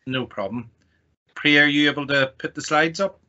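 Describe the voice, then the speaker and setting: Speaking for his technology company as a guest presenter, this executive from Northern Ireland delivers a semi-formal talk over an online call. He sits a little high, moves at a moderate pace, and sounds pushed and bright. Audio quality is lo-fi and dull.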